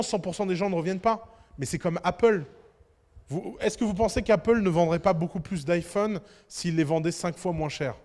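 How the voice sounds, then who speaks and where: A man with a high-pitched voice lectures entrepreneurs in a big conference hall. He speaks in an animated, provocative way and addresses the crowd directly, and a long reverb trails behind his words.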